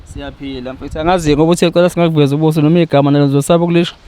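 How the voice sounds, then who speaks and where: A man's voice: on the high side, steady tone, racing, warm tone, clean tone. A South African man with a Zulu accent, hosting and interviewing in a conversational way, mixing in some English words. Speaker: host for a community aid organisation. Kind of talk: spoken introduction and interview, code-switching with some English words.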